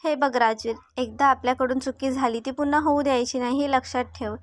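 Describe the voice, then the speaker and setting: A woman's voice: high voice, steady tone, fairly quick, no echo, lightly acted. A woman voicing a disapproving older father who lectures his son. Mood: warning.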